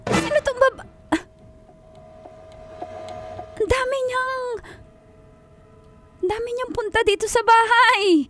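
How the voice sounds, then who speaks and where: A woman's voice: extremely high pitch, fairly bright tone, pitched above the performer's own voice. A woman radio DJ playing a jealous young wife in a comedic radio skit, with accusing outbursts and pop music underneath. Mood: puzzled muttering. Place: radio studio. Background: background pop music.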